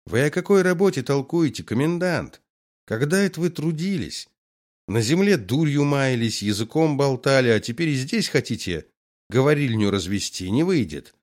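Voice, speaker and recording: A man's voice: mid-range voice, very animated, moderate pace, a little mellow, pitched above the performer's own voice, lightly acted. A man reading the part of a blunt, scornful army colonel who scolds and gives firm orders.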